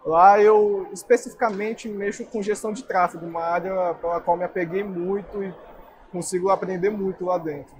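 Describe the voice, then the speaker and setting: With a high voice, fairly even intonation and normal speed, the young man, a guest speaker, earnestly discusses marketing in an interview. Background noise from the indoor trade fair booth is audible.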